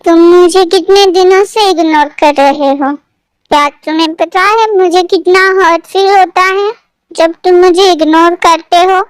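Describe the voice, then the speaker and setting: A woman voicing a tipsy, sulky young woman in love, reading a fan fiction story aloud, with pouty, drawn-out lines. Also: very high-pitched, steady tone, dry recording.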